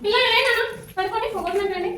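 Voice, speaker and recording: High, rapid-fire woman in a stage drama. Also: fairly bright tone, a little hiss or hum. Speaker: wife and mother in a family drama. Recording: echoey room, far from mic.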